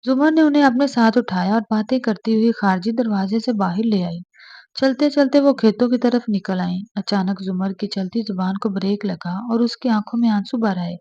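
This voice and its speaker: A woman narrating an emotional novel in a measured storytelling manner. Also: medium pitch, warm tone, highs cut off.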